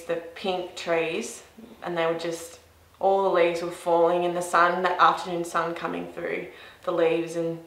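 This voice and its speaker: A graphic designer in her twenties from rural Victoria, Australia, chats cheerfully and informally as an interviewee. Her voice is fairly low and fairly bright, recorded indoors in a small office with echoey room sound.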